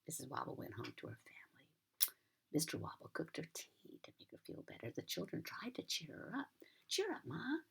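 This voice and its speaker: Breathy, creaky, sweet older American grandmother. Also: low voice, sing-song, fairly quick. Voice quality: breathy, husky, often near whisper. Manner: sweet old lady, gentle, addressing a child. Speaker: grandmother reading a children's book. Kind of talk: storytime read-aloud with chatty asides.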